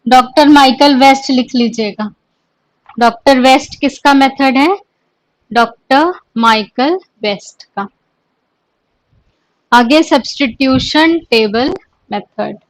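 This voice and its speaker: A woman with an Indian English accent teaching an exam-prep English lesson, dictating terms slowly and then explaining them in Hindi. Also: high-pitched, no room sound, rough recording. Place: coaching class or studio.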